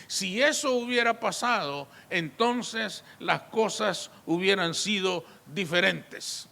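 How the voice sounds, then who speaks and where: Male pastor, high and bright voice, emphatic sermon delivery. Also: expressive, slow pace, vocal fry, long reverb tail. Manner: emphatic preaching, repeated appeals to the congregation.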